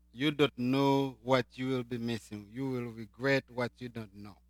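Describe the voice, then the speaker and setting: Preaching in a Haitian accent, this man from Haiti alternates between loud, forceful statements and quiet asides. His pitch is medium, and there's no echo.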